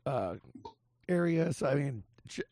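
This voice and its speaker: A man hosting a casual podcast with a gravelly, hoarse, raspy voice and a halting, sweary way of talking. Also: mid-range voice, animated, warm tone, no echo, clean studio sound. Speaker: podcast host.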